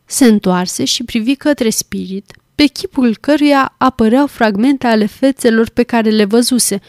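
A woman narrating a classic storybook in a measured, clear way, her voice slightly high. The sound is dry and close, with no room around it. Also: darkish tone, no echo. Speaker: volunteer audiobook reader. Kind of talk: scripted audiobook narration.

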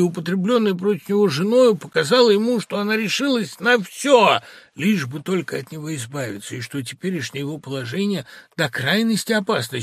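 A man reading a classic story aloud with dramatic, expressive narration. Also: high-pitched, slightly rough, no echo.

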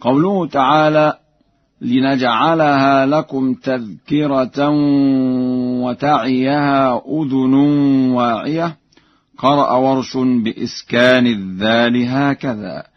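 A man teaching Quranic reading variants on radio, explaining methodically and demonstrating verses in slow recitation. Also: medium pitch, no room sound. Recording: dull dry radio studio recording.

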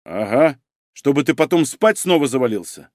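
A man's voice: medium pitch, lively intonation, moderate pace, darkish tone, no echo, clean studio sound, close to an everyday voice. A man reading the part of a curt, blunt male police investigator giving orders. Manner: curt, commanding.

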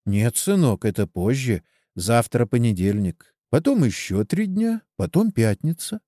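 A loving mother full of worry, speaking tenderly to her sick child, as voiced by a man reading a storybook. The voice is mellow and close, with a dry sound. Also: medium pitch, sing-song, unhurried, no echo. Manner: tender, anxious. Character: worried loving young mother.

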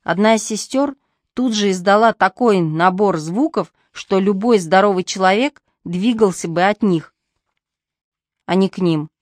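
A woman narrating a humorous audiobook with lively, wry storytelling. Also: medium pitch, unhurried, no echo, studio quality.

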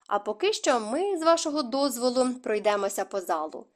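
A woman voicing a polite, calm young duke who speaks courteously. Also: on the high side, brisk.

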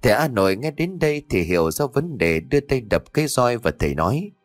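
A man's voice: mid-range voice, big pitch swings, brisk, dry recording. A man narrating a ghost story for an audiobook in a dramatic storytelling manner. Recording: dry close voice over faint music.

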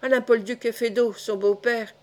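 A woman's voice: a little high, steady tone, normal speed, a little mellow, lightly acted. Angry young poacher in an audiobook, played by a woman narrator. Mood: tense, scornful. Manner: tense, threatening. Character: angry young male poacher, quick to threaten.

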